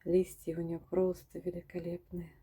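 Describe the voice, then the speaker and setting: Woman, home plant vlogger; dark, mellow, breathy voice, soft-spoken, slips into whispers. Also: lowish voice, completely flat delivery, normal speed. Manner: soft-spoken, often drops to a whisper, addresses viewers as girls. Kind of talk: casual plant-collection vlog. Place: home among houseplants, indoors.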